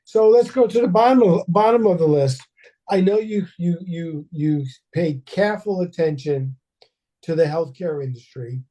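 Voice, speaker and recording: A man's voice: a little high, moderate pace, warm tone. A man co-hosting a casual market discussion, asking questions with wry asides. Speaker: co-host, financial advisor.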